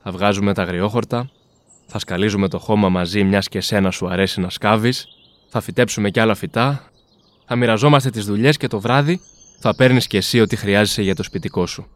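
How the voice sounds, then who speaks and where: A man's voice: on the low side, no room sound, natural voice. A man playing a poor, hard-working farmer and father in a storybook reading, plain and heartfelt. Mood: kind. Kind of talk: storybook character voice.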